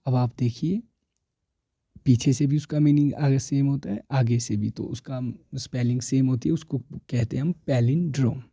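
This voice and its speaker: A man's voice: medium pitch, steady tone, normal speed, warm tone, slightly rough, no echo. A man teaching an exam prep lesson, mixing English terms into his explanations and repeating the key answers.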